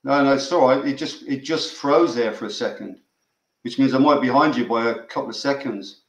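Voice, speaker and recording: An older grandfather watches a football match live, chatting casually in a brisk, mid-range voice and cheering the players on. He often restarts his sentences, and the recording is rough and reverberant.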